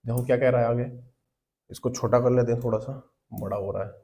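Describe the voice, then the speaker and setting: A man's voice: medium pitch, steady tone, brisk, warm tone. A man teaching an exam-prep lesson, explaining step by step and answering his own questions, often calling the listeners brother.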